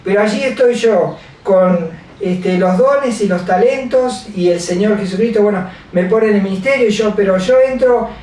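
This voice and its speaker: A woman preacher giving a sermon, halting and repeating her scripture references with many fillers. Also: mid-range voice, dark tone. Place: large echoey church hall. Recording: very echoey hall from far off.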